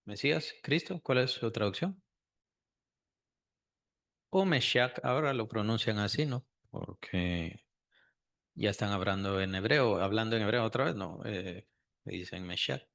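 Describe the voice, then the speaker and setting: A man's voice: on the low side, animated, unhurried, gravelly, long pauses, a bit bright. A man teaching a Sunday school Bible lesson, asking the class questions and repeating key phrases.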